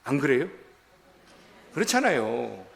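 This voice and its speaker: A middle-aged male pastor preaching a sermon in a church, folksy and animated, acting out quotes from his congregation. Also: medium pitch, measured pace, gravelly. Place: church sanctuary. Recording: long church hall reverb.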